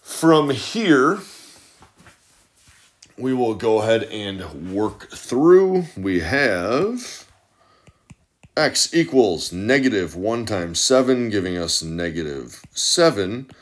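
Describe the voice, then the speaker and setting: A man teaching math as a voice-over, walking methodically through each step out loud. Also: fairly low pitch, sing-song, slow pace. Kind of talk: step-by-step tutorial narration.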